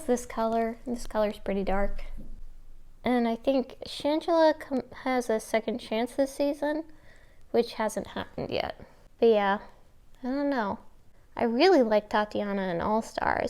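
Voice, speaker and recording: A woman's voice: a little high, darkish tone. A woman chatting casually through a makeup tutorial in a rambling, informal, self-deprecating way. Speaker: makeup vlogger. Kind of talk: casual chat while doing a makeup tutorial.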